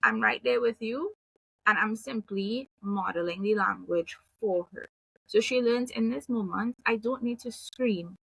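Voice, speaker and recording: A woman, a behavioral analyst and mother, calmly explaining with examples from her own home. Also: fairly high pitch, gravelly, husky, no room sound, low-quality recording. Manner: calm, measured, explains with examples. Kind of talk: explanatory conversation.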